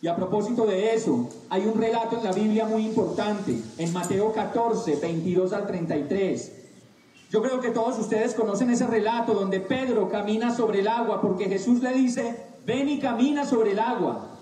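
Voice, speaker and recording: A man preaching a sermon, slow and emphatic with dramatic pauses. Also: high-pitched, mellow, far from the mic. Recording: echoey room, voice off-mic.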